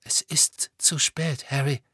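A grave, steady grown man, as voiced by a male reader, his words slow and measured, a bit higher than the narration. The dry booth sound keeps it close. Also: breathy edge, no echo. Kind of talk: audiobook character voice.

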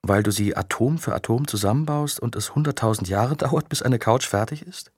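A man voicing a curious, teasing young woman with playful, quick questions in an audiobook. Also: mid-range voice, breathy edge, no room sound, studio quality, natural voice.

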